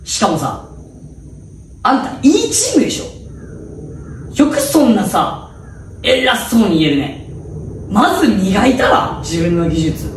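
A man's voice: high voice, big pitch swings, measured pace, pauses often, a little hiss or hum, exaggerated voice. A man acting a cheeky first-year student athlete who talks back with cocky mockery in a comedy sketch. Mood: mocking. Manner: cocky, mocking, drifting into Kansai-style speech. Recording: echoey room, mic from a distance.

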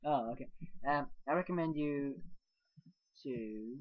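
A man hosting a casual let's play, excitable, swearing and yelping when startled. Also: mid-range voice, measured pace. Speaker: gaming channel host. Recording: dull lo-fi mic.

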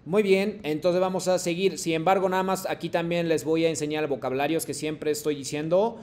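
A man teaching a Japanese class online, slowly modeling phrases for his students to repeat. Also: fairly high pitch, fairly even intonation, a little mellow. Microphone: video call.

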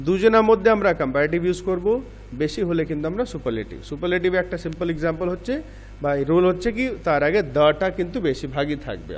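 A man's voice: fairly high pitch, in a large hall. A male English teacher with a Bengali accent explains grammar, asking questions and answering them himself. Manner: explains in Bengali mixed with English examples, asks and answers his own questions. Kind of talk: grammar lesson.

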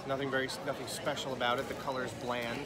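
A man co-hosting a food review vlog, chewing while he talks, giving a dry, deadpan verdict from a store checkout line. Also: mid-range voice, fast talker. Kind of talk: casual food review chat. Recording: busy crowd noise behind. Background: crowd chatter.

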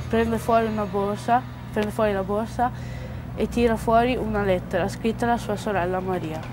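A woman's voice: medium pitch, fairly even intonation, normal speed, music in the background. Earnest teenage girl reading aloud. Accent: Italian. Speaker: student reader. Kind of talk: school news broadcast reading.

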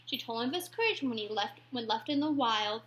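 A woman reading a rhyming children's story aloud, expressive and dropping to whispers at tense moments. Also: fairly high pitch, fairly quick. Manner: expressive, drops to whispers for suspense.

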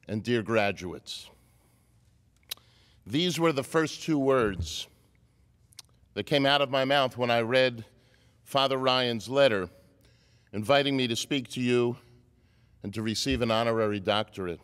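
A man's voice: mid-range voice, a bit bright, clear, resonant tone. A man, a rabbi, giving a commencement speech with a wry, joking delivery. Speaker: commencement speaker. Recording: long hall reverb.

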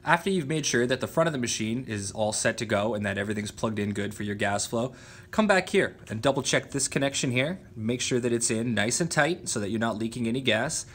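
Relaxed man explaining welding faults. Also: medium pitch, fairly quick. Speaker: welding instructor. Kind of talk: instructional demonstration. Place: welding workshop.

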